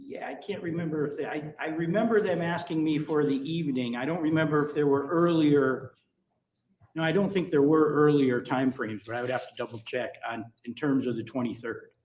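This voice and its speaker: A man giving technical expert testimony in court, measured and halting with frequent ums. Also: a little high, a little mellow, a little hiss or hum. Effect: courtroom recording. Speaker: expert witness on phone and vehicle location data. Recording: echoey courtroom audio from a distant mic.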